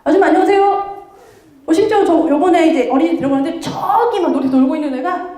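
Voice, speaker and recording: A woman in her thirties giving a lively lecture, telling her own stories and acting out what she once said. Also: high-pitched, racing. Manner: animated, acts out her own past remarks in voices. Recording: very echoey room.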